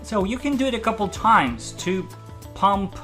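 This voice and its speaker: Articulation coach, mid-pitched, slow and deliberate, stressing and stretching words, music underneath. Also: big pitch swings. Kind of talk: instructional articulation lesson with demonstrated drills.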